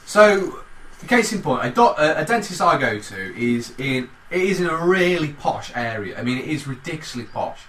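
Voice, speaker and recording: A man in casual banter, rambling and animated and swearing often. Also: fairly high pitch, normal speed, distant mic. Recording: echoey room, off-mic, faint ambience.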